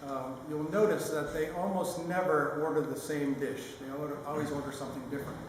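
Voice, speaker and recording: An older man giving a sentimental, lightly humorous father of the bride speech, halting with pauses mid-phrase. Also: on the high side, steady tone. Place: large reverberant room at a wedding reception. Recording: echoey hall, distant mic, noisy room.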